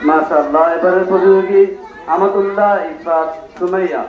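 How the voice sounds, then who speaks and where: A man's voice: sits high, fairly even intonation, fairly quick. A man announcing contestants at a school recitation contest, in brief, formal calls. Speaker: event announcer. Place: outdoor school event ground. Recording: roomy, dull sound with faint crowd.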